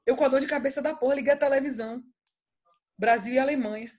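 A woman's voice: high-pitched, fairly even intonation, quick pace, darkish tone. A woman, telling family stories in a casual chat and animatedly acting out her kids' voices. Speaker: podcast co-host.

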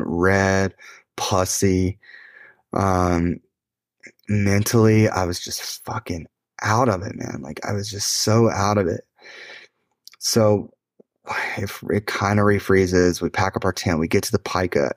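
A man telling an adventure story in a casual, excitable way, swearing and saying "dude" often, as an interview guest. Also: deep voice, no room sound, studio quality.

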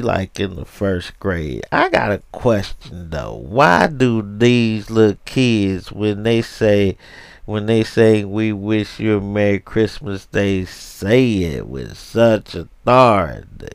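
A man's voice: on the low side, creaky, darkish tone, clear, resonant tone, dry recording, voice pushed down. A man doing a tipsy rambling old uncle. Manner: rambling, slurred slang, drawn-out storytelling. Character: tipsy rambling older uncle, nostalgic and grumbling. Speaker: comic character on a podcast.

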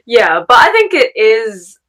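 A woman's voice: fairly high pitch, big pitch swings, slow, fairly bright tone, poor audio. Chatty Australian woman host, laughing often. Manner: chatty, laughs often, repeats words for emphasis. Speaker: podcast host. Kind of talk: casual podcast interview.

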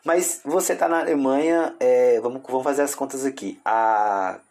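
A man's voice: mid-range voice, moderate pace, a little mellow. Rambling Brazilian man from Tocantins. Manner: rambling, many restarts. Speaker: interviewer. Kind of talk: casual interview chat.

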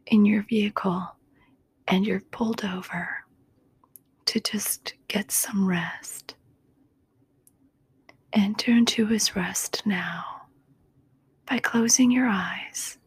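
Woman, host, breathy whisper, very slow, soothing sleep meditation, dry close condenser mic. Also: mid-range voice, dry recording. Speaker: podcast host. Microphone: USB condenser microphone.

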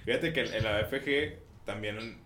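A young man from Mexico with a Mexican Spanish accent, chatting casually with lots of slang and quick reactions. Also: fairly low pitch, bright, forceful tone, slight background noise. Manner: slangy, reacts with short exclamations. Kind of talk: casual chat. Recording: roomy echo.

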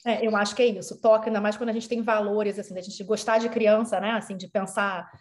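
Woman podcast host, quick pace, hesitant, lots of restarts. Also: medium pitch, flat delivery. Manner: hesitant, many fillers and restarts. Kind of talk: podcast conversation.

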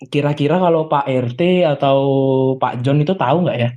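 A man's voice: on the high side, moderate pace, a little mellow. Teasing man. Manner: teasing, innuendo-laden, playful. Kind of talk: improvised comedic banter.

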